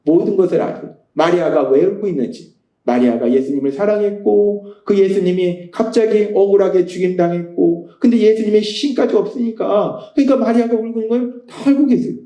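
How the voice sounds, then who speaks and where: Male pastor, sermon, high voice, repetitive emphatic preaching, echoey sanctuary. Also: fairly quick, dark tone.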